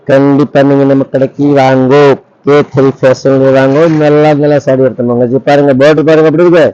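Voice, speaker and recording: A man with an Indian accent giving an enthusiastic, repetitive shop sales pitch, urging viewers on and tossing out rhetorical questions. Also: flat delivery, brisk, dark tone, smooth, dull audio. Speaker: saree shop owner and sales presenter.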